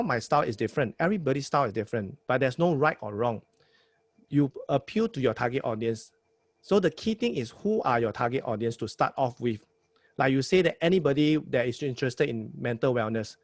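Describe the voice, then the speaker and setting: A Singaporean man with a mid-range voice and Singaporean English accent, recorded with no room sound, hosts a podcast and gives casual advice to a new host. He's emphatic, repeats words, and punctuates his points with tag questions like "right?"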